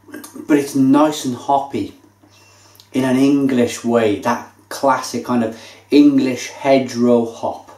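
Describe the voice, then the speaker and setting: His voice is mid-range and he takes his time while casually reviewing a beer in his home kitchen. In his thirties, he's relaxed and chatty, savoring each sip and describing it, with a table-distance camera mic capturing echoey room sound.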